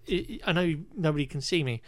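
Fairly quick and expressive, this man's fairly high voice carries a rambling podcast recap of a film. He comes across as wry and exasperated, often starting over and letting out a swear word here and there, all in casual chat.

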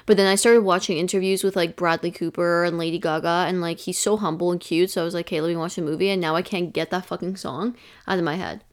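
A woman's voice: lowish voice, steady tone, fast talker. A young woman from Canada co-hosting a podcast in casual chat, swearing and piling up fillers as she tells stories. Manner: swearing, filler-heavy, chatty storytelling. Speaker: podcast co-host.

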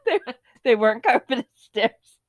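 A woman's voice: a little high, very animated, measured pace, dry recording. A young woman co-hosting a podcast, telling an embarrassing story in casual chat and laughing until she cries. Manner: laughing through her story, tearful with laughter. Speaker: podcast co-host.

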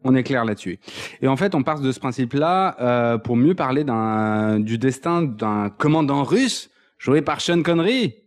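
A man in a mid-range voice walks through a film plot in a rambling, loose way, restarting his sentences. He drops deadpan jokes along the way. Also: mid-range voice, normal speed. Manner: joking, deadpan asides, rambling explanations. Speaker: podcast co-host. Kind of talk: casual film chat, partly read from notes.

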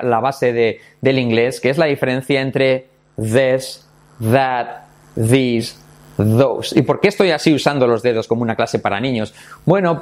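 A man from Spain with a Spain Spanish accent, teaching English in a casual online lesson, lively and playful, repeating words in mock English accents. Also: medium pitch.

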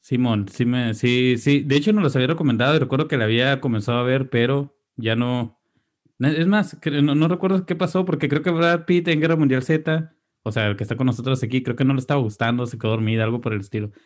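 A man's voice: medium pitch, fast. A Mexican man hosting a casual podcast, laid-back and swearing freely as he talks about films. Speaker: podcast host.

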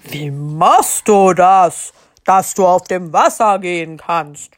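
A woman voicing a big, dumb, boastful male giant in a storybook read aloud, loud and blustering. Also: mid-range voice, animated, measured pace, natural voice. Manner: loud, blustering, whining when in trouble.

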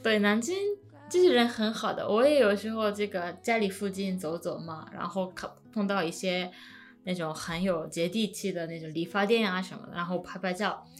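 A woman's voice: mid-range voice, moderate pace, faint music behind. A woman from Japan with a Japanese accent, a foreigner speaking Mandarin who feels for words while interviewing in a casual chat.

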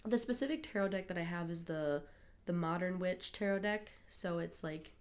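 A young woman from Minnesota, United States, co-hosts a podcast in a casual chat, sounding chatty and bubbly with lots of fillers. Her voice is fairly low and moderately paced, and her nose is stuffed up from a cold.

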